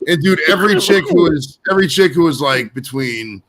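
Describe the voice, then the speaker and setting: A man's voice: fairly high pitch, animated, brisk, a loud crowd. A man hosting a podcast, chatting casually in a rambling, slangy, profane way. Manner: rambling, slangy, says bro and dude often. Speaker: podcast host.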